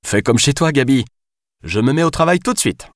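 A man's voice: mid-range voice, animated, brisk, no echo, studio quality, voice pushed up, close to an everyday voice. A male narrator voicing a small, sturdy, gray-haired woman who runs a lab, cheerful and teasing. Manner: jovial, teasing.

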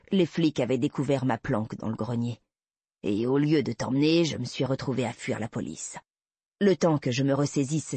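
A man voicing an obsessive, creepy man who slowly confesses to a kidnapping, in a soft, unsettling manner. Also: medium pitch, breathy edge, no room sound. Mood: bitter. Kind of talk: audiobook reading.

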